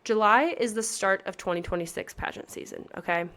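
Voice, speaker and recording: Speaking fairly quickly in a mid-range, somewhat bright voice, a pageant coach in her thirties hosts her podcast. Her casual talk is chatty, earnest and motivational, with lots of emphasis.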